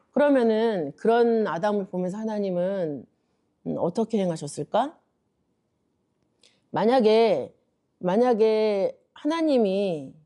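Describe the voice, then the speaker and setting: A woman preacher gives a gentle children's Bible lesson, speaking as a mother to her child. She asks questions and answers them herself, soft and patient. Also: mid-range voice. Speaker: junior preacher teaching a parents' lesson.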